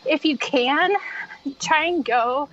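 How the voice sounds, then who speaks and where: A woman chatting casually as a podcast guest, in halting phrases with a giggly manner, on slightly lo-fi audio. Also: high-pitched, a bit bright. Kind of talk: casual chat.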